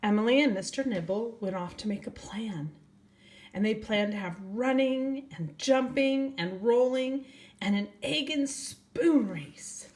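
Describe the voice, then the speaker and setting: Reading a storybook aloud to young children, this grandmother speaks slowly, addresses them directly, and puts questions to them. She is an older woman whose voice runs high and animated, with a darkish tone.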